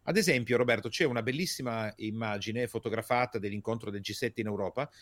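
A man coaching in a podcast conversation, emphatic and energetic, stressing key words by repeating them and asking rhetorical questions. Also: fairly low pitch, fast talker, no room sound. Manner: gestures while speaking, energetic. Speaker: communication coach, podcast guest.

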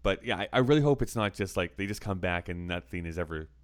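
A man with a very low, smooth and resonant voice, chatting casually about a movie. He talks earnestly and works through his thoughts, peppering them with "like." The tone stays conversational throughout. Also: animated, fast. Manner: earnest, analytical, with many "like" fillers. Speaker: podcast co-host.

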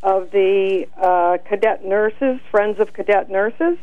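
A woman calling in on a speakerphone over a phone line, explaining earnestly and pausing on fillers. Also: mid-range voice, no echo. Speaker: caller, director of a nurses' group. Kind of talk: radio call-in.

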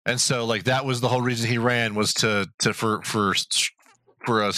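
A man co-hosting a casual podcast, rambling through a story with lots of restarts and cheerful profanity. His voice is bright and forward, and the sound is dry and close with no room in it. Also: medium pitch, steady tone, moderate pace, no room sound. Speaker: podcast co-host. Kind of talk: casual chat.

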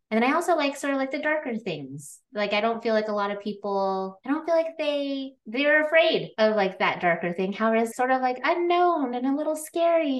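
Female podcast guest, slightly high voice, casual conversational delivery with loosely strung, halting thoughts. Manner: informal, halting, loosely strung phrases with frequent "like". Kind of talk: casual conversational interview answers.

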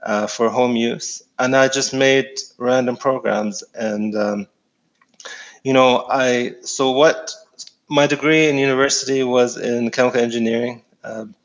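A middle-aged man from Egypt, a guest in a casual interview, talking in a relaxed way with many fillers and restarts. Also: mid-range voice, a little slow, low-quality recording.

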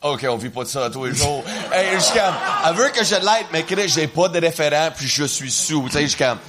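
A man with a Québécois French accent telling a wild anecdote, animated and laughing, with English phrases mixed in. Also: a little high, fairly quick, a loud crowd. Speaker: podcast guest. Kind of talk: storytelling anecdote.

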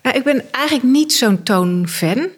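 A woman's voice: high-pitched, animated, moderate pace, slightly rough. A woman writer giving her candid view of a book, searching for words as she goes. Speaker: guest writer. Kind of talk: literary discussion.

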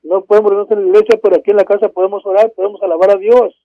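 A man's voice: sits high, little pitch movement, very fast, no room sound. A man preaching a sermon from home, fervent, calling out to his brothers and crying praise between verses. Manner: fervent, repeats "hermanos" and bursts of "gloria a Dios, aleluya". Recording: dull, dry lo-fi recording.

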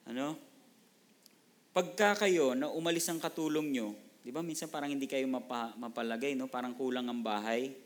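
A middle-aged Filipino pastor teaching from the Bible in a relaxed, conversational sermon. He speaks in an ordinary mid-range male voice, often pausing to check in with the congregation and mixing English phrases into his speech. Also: medium pitch.

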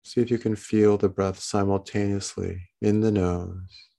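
A man leads a guided meditation in a calm, meditative tone. His voice sits very low and has a soft, mellow color, with a gravelly creak at the edges. He gives gentle instructions in short, unhurried phrases. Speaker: meditation teacher. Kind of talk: guided body-scan meditation.

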